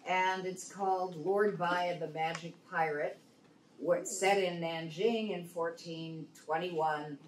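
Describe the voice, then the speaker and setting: A woman's voice: fairly low pitch, steady tone, slow. A woman writer talking casually as a panelist at a convention. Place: indoor convention panel room. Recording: echoey room, distant mic, faint noise.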